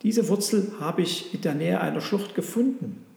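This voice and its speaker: A man voicing a calm, kind father and carpenter in a storybook reading, speaking reassuringly. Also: sits high, normal speed, vocal fry. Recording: roomy with long reverb.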